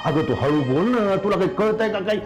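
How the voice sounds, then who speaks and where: Casting: a man as a protective brother, higher voice, soothing and insistent. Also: lively intonation, a little fast, over music, low-quality recording. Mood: consoling. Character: caring older brother taking in his sister. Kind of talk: village family drama acting.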